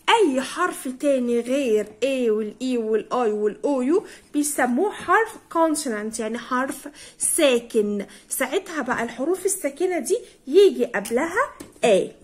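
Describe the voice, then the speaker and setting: Young egyptian woman teaching kids english, high pitched, says everything twice, slow and patient drilling. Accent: Egyptian Arabic. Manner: repeats and drills words slowly, spells out letters. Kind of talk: explaining a primary school lesson.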